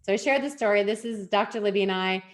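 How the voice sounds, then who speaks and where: A woman's voice: medium pitch, quick pace. Upbeat, chatty woman presenting live. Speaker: founder presenting her wellness program.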